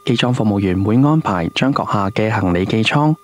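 A man's voice: fairly low pitch, animated, a little fast. A man giving a formal, scripted airline safety announcement in the manner of a flight attendant. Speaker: cabin announcer.

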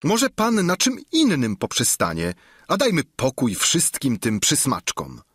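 Man voicing an excuse-making innkeeper, lively, husky, audiobook. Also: medium pitch, a little slow, dry recording, studio quality, voice pushed up, heavily acted. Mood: evasive. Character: evasive boastful innkeeper, man. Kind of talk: audiobook reading.

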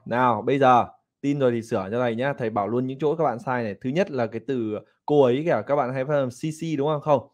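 Male English teacher, Vietnamese accent, mid-pitched, animated, drills words slowly. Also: muffled recording. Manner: animated, demonstrates words slowly and repeats them. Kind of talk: online pronunciation lesson.

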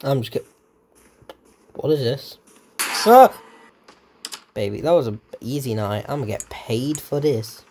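A man doing let's-play commentary, excitable and swearing at the game while muttering to himself. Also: mid-range voice, normal speed, a little hiss or hum. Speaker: gamer.

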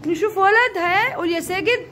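A woman's voice: extremely high pitch, fast, pushed and bright. A woman with an Egyptian Arabic accent teaching a class of young children, praising and prompting them by name. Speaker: kindergarten teacher. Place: busy classroom. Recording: classroom with background noise.

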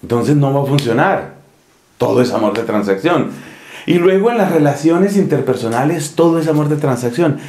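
Un hombre de Colombia, con acento colombiano, que predica en un retiro espiritual con tono conversador y humorístico, dramatizando escenas. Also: male voice, a little high, lively intonation, normal speed, darkish tone. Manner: conversational, humorous, acts out scenes. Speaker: preacher leading a retreat. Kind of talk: retreat sermon. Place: monastery, indoors. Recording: echoey room.

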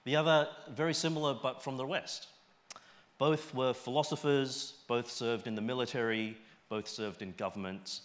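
Speaking at a normal pace in a mid-range voice with fairly steady intonation, this middle-aged Australian conference speaker delivers an informal presentation on a big indoor auditorium stage. His style is chatty, and he keeps checking in through brief tag questions.

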